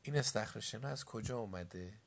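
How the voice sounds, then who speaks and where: A man's voice: lowish voice, slightly rough. A man voicing a cheerful bald school principal who explains things plainly in a mild tone. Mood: explaining.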